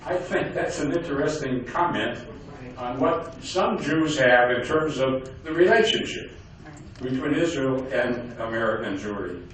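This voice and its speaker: An older man giving a speech to a community audience, halting with many fillers and restarts. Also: mid-range voice, expressive, a bit bright. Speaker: guest speaker. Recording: echoey hall from far off.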